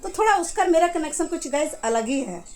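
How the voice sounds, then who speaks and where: Doing kitchen chores in a home vlog, a middle-aged woman tells family stories in a chatty way and addresses her audience as "guys." She speaks briskly in a high, somewhat mellow voice with lively intonation.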